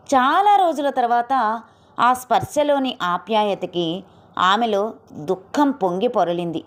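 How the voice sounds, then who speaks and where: Woman storyteller, scripted narration, emotive, fairly high pitch. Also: animated, slow.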